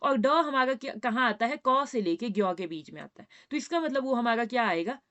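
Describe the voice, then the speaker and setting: A woman's voice: a little high, lively intonation, brisk, fairly bright tone. A woman teaching a grammar lesson, patiently repeating points and checking in with her students. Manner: addresses students as "बेटा".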